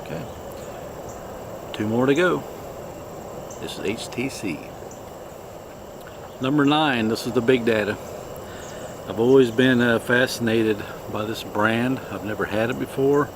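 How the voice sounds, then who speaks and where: A man hosting a casual product review, talking in an unhurried, halting, plainspoken way. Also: medium pitch, background noise. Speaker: cigar review host.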